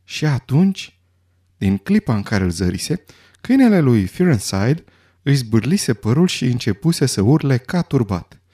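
A man narrating a story in a scripted audiobook reading, expressive and dramatic. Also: medium pitch, husky.

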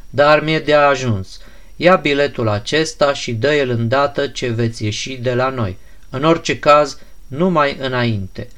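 A man's voice: medium pitch, fairly bright tone, lightly acted. A man voicing a grave, stern young woman who gives curt instructions in a storybook reading. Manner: curt, serious.

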